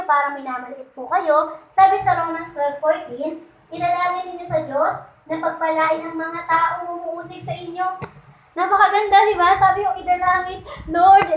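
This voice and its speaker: A woman preaching a Sunday sermon in a high, light voice. She talks to the congregation like a friend, keeps asking them to agree, and slips into playful quoted voices. The sound carries an echo from the church room. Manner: conversational, asks "di ba?" often, acts out quotes with humor. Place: church hall.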